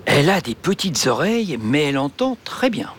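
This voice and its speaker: A man playing a friendly, curious human guide, narrating a children's nature audio story with expressive questions. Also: fairly high pitch, moderate pace, slight background noise. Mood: explaining.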